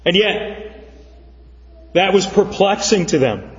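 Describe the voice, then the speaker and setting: A man's voice: high voice, big pitch swings. Male pastor preaching in a reverberant church. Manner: earnest, measured preaching with fillers. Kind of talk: sermon. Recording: dull sound, long church reverb.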